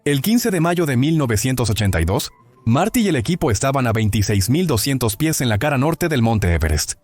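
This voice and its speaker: A man's voice: mid-range voice, sing-song, brisk, darkish tone, soft background music. A man reading scripted documentary narration in a dramatic storytelling manner.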